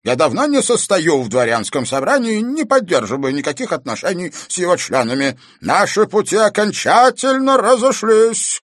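A man voicing an irritable, cunning old man who blusters loudly when pressed in an audiobook. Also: high-pitched, very animated, normal speed, few pauses, no echo, clean studio sound, voice pushed up, heavily acted. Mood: irritated. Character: grumpy, cunning old man, easily angered.

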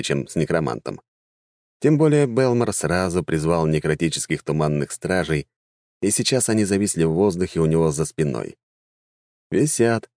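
A male audiobook narrator tells a fantasy story with a wry, lively touch. His voice is deep and low. The recording is dry and close, with no room echo.

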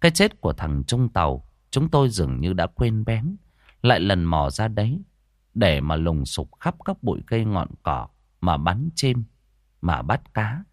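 A man narrating a first-person horror story in an expressive, dramatic way. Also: on the low side, no room sound, clean studio sound.

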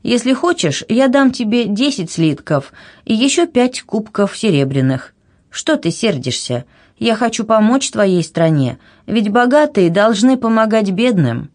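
A woman voicing a proud, hot-tempered young princess who shouts indignantly. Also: sing-song, a little slow. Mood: insistent. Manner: shrill, indignant outbursts.

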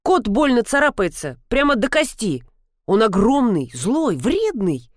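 Woman doing a dry muttery young guy, kinda high and flat. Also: unhurried, dry recording. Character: dry, practical young man at a keyboard.

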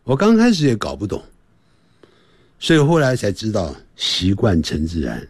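A man giving a radio English lesson, repeating short phrases over and over and slowing right down to model the sounds. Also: lowish voice, huge pitch swings, breathy edge, no echo, studio quality. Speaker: English teacher.

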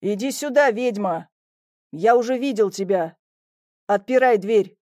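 A woman voicing an angry, gruff male prisoner, a policeman, who shouts rough insults, in an audiobook reading. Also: fairly high pitch, unhurried, no room sound, clean studio sound, natural voice. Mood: angry shouting.

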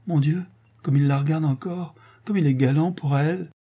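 A man's voice: mid-range voice, lively intonation, a little slow, dark tone, breathy edge. A man reading the part of a timid, anxious young wife who hesitates and falters in a storybook reading.

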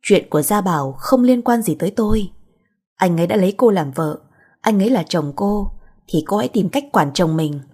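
A woman's voice: medium pitch, animated, dark tone, husky. A woman voicing a composed, principled young married woman who speaks firmly. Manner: firm, measured.

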